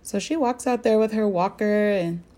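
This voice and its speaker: A woman's voice: mid-range voice, moderate pace, warm tone. A young woman from the American Southwest hosting a faith-based podcast, telling a story earnestly and asking her listeners direct questions. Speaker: podcast host. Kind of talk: faith-based reflective talk.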